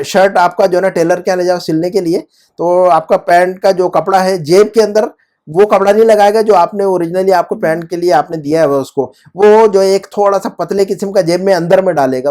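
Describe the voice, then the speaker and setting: A man's voice: sits high, a little mellow. A man teaching Arabic grammar in Urdu, explaining patiently and often asking his student check-up questions.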